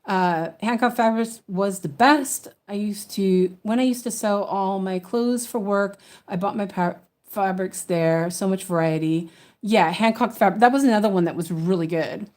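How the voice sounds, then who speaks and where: A woman with a lisp that slurs her s toward sh, chatting casually and haltingly as she stitches, often correcting herself and thinking aloud. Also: mid-range voice, a little mellow. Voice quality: lisp, slushy sh for s. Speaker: craft streamer. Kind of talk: casual rambling chat while stitching.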